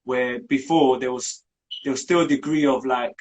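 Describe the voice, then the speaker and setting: A man's voice: medium pitch, fairly even intonation, normal speed, rough recording. A young man from Colombia, talking in a casual interview with many fillers and restarts. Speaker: community group founder.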